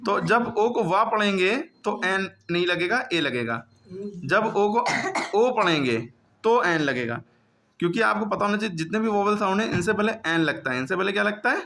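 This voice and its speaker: A man's voice: sits high, lively intonation, normal speed, fairly bright tone. A man teaching a classroom grammar lesson, who keeps repeating questions to his pupils.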